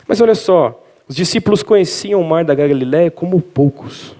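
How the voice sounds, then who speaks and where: A Brazilian man from Minas Gerais delivers a church sermon at a moderate pace, his voice a little high. He keeps the congregation engaged with lively storytelling and jokes.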